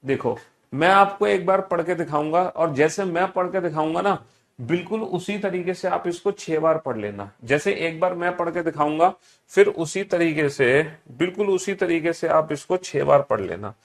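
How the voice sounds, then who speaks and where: A man's voice: fairly high pitch, lively intonation, moderate pace. A man teaching a class, repeating each instruction and coaxing students with affectionate teasing as he drills them. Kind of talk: classroom lesson.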